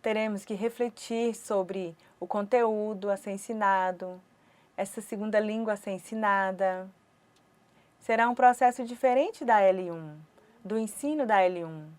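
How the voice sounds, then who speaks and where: Speaking in brief phrases broken up by pauses, a Brazilian Portuguese-accented woman gives voice to a sign-language teacher's online course lecture. Her voice is mid-range and a little mellow.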